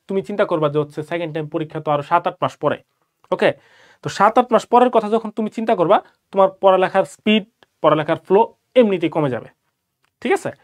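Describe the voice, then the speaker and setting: A young man from Bangladesh, a medical student, gives casual live-session advice to exam candidates and keeps checking in with "okay?". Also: high voice.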